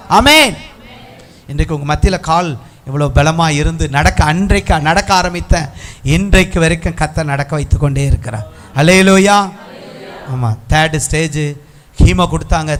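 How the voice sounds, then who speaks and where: High-voiced pastor preaching fervently. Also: male voice. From Tamil Nadu. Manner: rising to drawn-out shouted proclamations with calls of hallelujah. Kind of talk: sermon.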